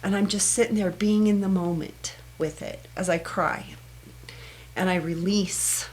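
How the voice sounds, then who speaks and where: A woman teaching a self-help meditation technique in a soft, earnest manner, speaking in short, repeated phrases. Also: mid-range voice, steady tone, unhurried, a little hiss or hum. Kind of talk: gentle guided self-help instruction.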